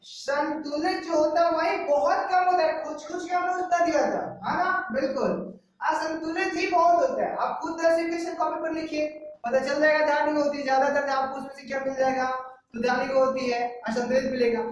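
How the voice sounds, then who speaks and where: A woman's voice: sits high, fairly even intonation, a little fast. A woman with a Bihari Hindi accent teaching a chemistry class, repeatedly checking with her students. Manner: repetitive, checks with students often. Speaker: chemistry tutor. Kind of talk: classroom lecture. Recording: very echoey classroom, voice from far off, faint music.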